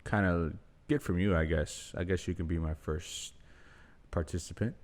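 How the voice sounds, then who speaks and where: A man hosting a casual podcast conversation, talking in a relaxed, rambling way with plenty of fillers. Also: low voice, moderate pace. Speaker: podcast host.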